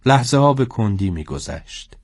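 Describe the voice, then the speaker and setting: A man narrating a story in a steady, scripted storybook style. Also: medium pitch, no echo, clean studio sound.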